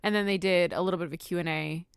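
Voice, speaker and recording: A woman's voice: lowish voice, fairly even intonation, racing, clean tone, no room sound, clean studio sound. A woman hosting a podcast, recapping in an informal, giggly, chatty way. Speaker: podcast host. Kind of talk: casual chat, recapping a talk.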